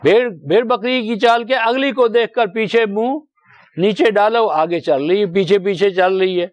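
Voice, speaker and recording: An older man in his seventies delivers a Quran commentary lecture in a high, thin voice. He explains each word patiently, keeps asking rhetorical questions and draws out verses in slow recitation. The sound is dry and close, with no room around it. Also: dry recording. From Pakistan. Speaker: Quran teacher.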